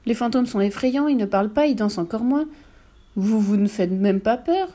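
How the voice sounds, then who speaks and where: A doubtful young boy questions things bluntly in a raised voice, as a woman reading a storybook puts him on. His tone is mellow and a bit higher than the reader's own. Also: expressive, moderate pace. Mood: skeptical. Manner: skeptical, questioning.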